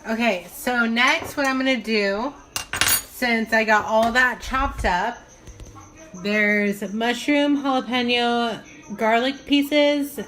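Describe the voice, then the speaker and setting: A woman's voice: on the high side, takes it slowly, a bit bright. Woman narrating home cooking over noisy sizzle. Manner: informal, step-by-step explaining. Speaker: home cook presenting a recipe. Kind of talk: casual cooking vlog narration. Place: home kitchen. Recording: noisy kitchen with frying sizzle. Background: food frying and sizzling.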